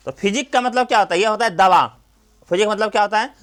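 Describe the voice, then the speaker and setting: Man, coaching teacher, high-pitched voice, repeated question-and-answer drilling, classroom lesson. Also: fast talker, fairly bright tone.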